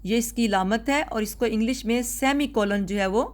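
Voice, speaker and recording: A woman teacher, giving a recorded grammar lecture to her students. She explains slowly and carefully, often restating a point before moving on. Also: fairly high pitch.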